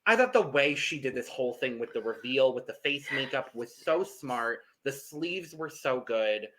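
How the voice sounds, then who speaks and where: A man's voice: medium pitch, animated, moderate pace, a bit bright, a little hiss or hum. A man co-hosting a podcast, reviewing an episode in casual chat, opinionated and moving the discussion along. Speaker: podcast co-host.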